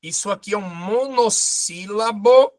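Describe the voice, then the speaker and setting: Lively man teaching grammar. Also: sits high, a little slow. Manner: lively, pointing things out, talking to a co-host. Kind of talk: exam-prep grammar lesson.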